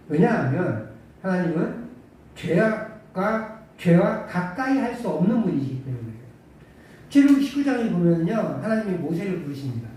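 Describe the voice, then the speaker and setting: A male pastor with a warm, somewhat high voice delivers a conversational sermon packed with rhetorical questions and dry humor. He's captured from a distance in an echoey church sanctuary, with faint hiss on the recording.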